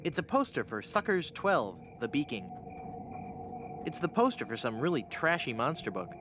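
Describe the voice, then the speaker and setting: A man's voice: medium pitch, sing-song, moderate pace, music in the background, close to an everyday voice. A man playing a hapless, earnest adventurer in a comic adventure game, pleading and bluffing theatrically as a would-be ghost. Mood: wry.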